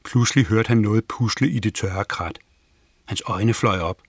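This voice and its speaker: A man with a fairly low voice reads a children's story aloud. He tells it calmly and evenly, lifting his pitch for the characters' lines. The recording is dry and close, with no room sound. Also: husky, no room sound. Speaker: audiobook narrator. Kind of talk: scripted storybook narration.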